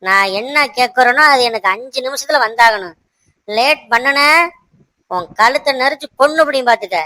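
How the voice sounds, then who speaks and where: A woman voicing an angry, bossy cartoon husband who rough-talks and threatens his wife. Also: fairly high pitch, moderate pace, sharp tone, no room sound, rough recording. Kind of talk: cartoon voice acting.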